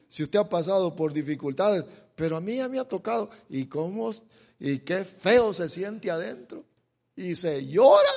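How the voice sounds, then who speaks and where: A male preacher giving an impassioned sermon, swinging between loud pleading and quiet asides, often calling listeners to look. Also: sits high. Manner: repeats "mire" to address listeners.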